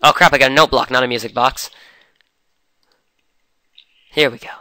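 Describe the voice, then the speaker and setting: A young man with a cold, chatting excitedly through a game session. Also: mid-range voice, moderate pace, dry recording. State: has a cold. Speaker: gamer. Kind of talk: casual game commentary.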